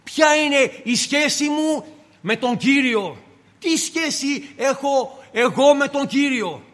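A man's voice: extremely high pitch, lively intonation, a bit bright, long reverb tail. A man preaching a sermon with passion, asking rhetorical questions and speaking in turn as the Lord and the believer.

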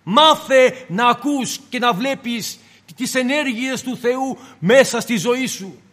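A preacher with a high-pitched, fairly bright voice delivers an impassioned sermon, piling up rhetorical questions. He takes on the voices of both the Lord and the believer. A long reverb carries his words through a church hall.

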